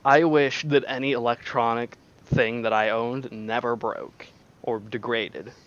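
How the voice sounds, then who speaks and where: A man's voice: medium pitch, fairly even intonation, measured pace, a bit bright, lo-fi sound. A man co-hosting a podcast, dry and teasing, swearing in casual group chat. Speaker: podcast co-host.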